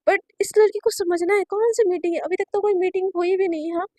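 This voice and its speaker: A woman's voice: very high-pitched, fairly even intonation, fast talker, warm tone, no echo. A woman narrating a romance story in a chatty, casual storytelling manner with many fillers. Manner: chatty, filler-heavy retelling.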